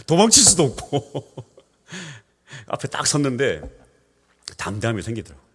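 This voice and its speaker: A man's voice: medium pitch, big pitch swings, measured pace, a bit bright, husky, big-room sound. A man pastor from the Gyeongsang region preaching a sermon in a church, telling stories animatedly and acting out voices. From Gyeongsang region, Korea. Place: church sanctuary.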